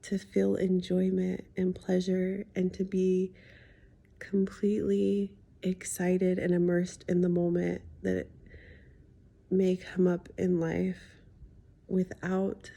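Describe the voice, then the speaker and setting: A woman with a lowish, gravelly voice shares personal reflections in a confiding vlog style. Her tone is mellow and stays within a narrow pitch range. A retainer in her mouth gives her words a slight lisp, and she pauses thoughtfully, sometimes sinking toward a whisper. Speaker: spiritual healing coach sharing a personal story.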